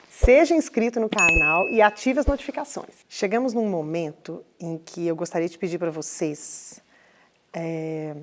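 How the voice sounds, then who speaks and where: A woman's voice: on the high side, slight background noise. Brazilian woman hosting an interview. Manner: direct, addresses viewers, asks questions. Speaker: podcast host, interviewer. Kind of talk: interview host.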